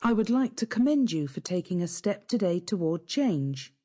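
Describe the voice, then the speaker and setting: A woman narrating a scripted guided hypnosis session in a calm, soothing, instructive way. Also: fairly low pitch, moderate pace.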